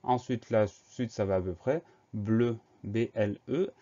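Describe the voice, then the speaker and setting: A man's voice: lowish voice, slow, dark tone. A man giving a spelling dictation lesson, patiently spelling out each word letter by letter. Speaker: spelling teacher. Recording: dull lo-fi recording.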